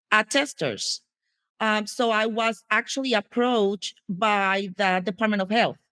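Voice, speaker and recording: Casting: Puerto Rican woman, Spanish as first language, interview guest, halting delivery full of ums and restarts, dry sound. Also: medium pitch, bright, forceful tone, dry recording. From Puerto Rico. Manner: hesitant, many fillers and restarts. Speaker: guest, HIV educator. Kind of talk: casual interview answers.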